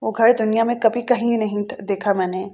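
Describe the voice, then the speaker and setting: A woman's voice: fairly high pitch, fairly even intonation, warm tone, natural voice. A woman reading as a wistful, tender wife. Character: talkative middle-aged wife, wistful and tender.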